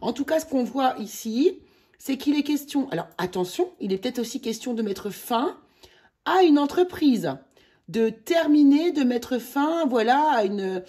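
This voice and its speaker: A woman from France giving a casual monthly tarot reading, chatty, with many hesitations and excited exclamations over the cards. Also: high voice, unhurried. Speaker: tarot reader.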